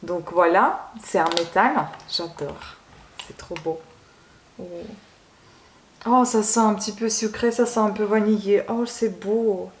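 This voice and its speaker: A woman unboxing beauty products at home in a casual vlog, gushing over each item and pausing often with filler sounds. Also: mid-range voice, echoey room, a little hiss or hum. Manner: gushing, keeps saying she loves it; hesitant, many filler sounds. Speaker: beauty vlogger.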